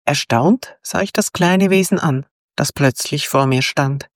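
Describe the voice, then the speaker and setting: Low-voiced woman reading a story. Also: measured pace, no room sound, clean studio sound. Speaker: narrator. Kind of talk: first-person storytelling narration.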